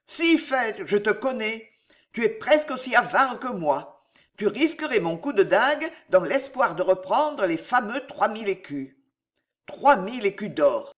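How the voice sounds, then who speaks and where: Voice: mid-range voice, big pitch swings, a little slow, voice pushed up. A reader putting on a sinister, gloating old miser. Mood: menacing. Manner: mocking, menacing, laughs darkly.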